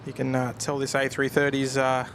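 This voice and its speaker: A man's voice: medium pitch, completely flat delivery, normal speed, a bit bright, slight background noise. A man hosting a plane-spotting livestream with casual, matey commentary, chatting to viewers. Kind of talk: casual live commentary and chat.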